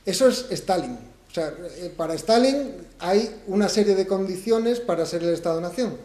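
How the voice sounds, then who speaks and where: A man's voice: sits high, normal speed, a little mellow, roomy sound. A man from Spain presenting his book at a public talk, thinking aloud and posing rhetorical questions to the audience. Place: event hall.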